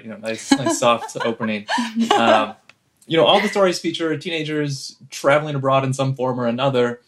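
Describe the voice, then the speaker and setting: A man's voice: medium pitch, a bit bright. Man moderating an author panel. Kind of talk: casual panel discussion.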